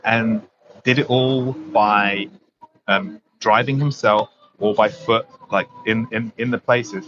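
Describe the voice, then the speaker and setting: A man, a guest speaking thoughtfully in a casual interview, often pausing and restarting. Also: fairly low pitch, fairly even intonation, music in the background. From London, England. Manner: reflective, hesitant with many restarts and ums. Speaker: guest, running writer. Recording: dull, dry lo-fi audio.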